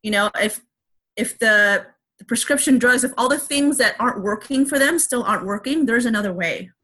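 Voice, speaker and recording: A woman's voice: a little high, normal speed, pushed and bright. A woman speaking candidly as an interview guest, reflective and open, with many fillers and restarts. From Filipino heritage.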